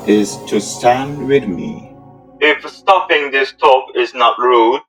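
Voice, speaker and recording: Amid instrumental background music, a man with a mid-range voice acts out an amateur audio drama from a script. His English is formal and stilted, with non-native phrasing, and the recording quality is low.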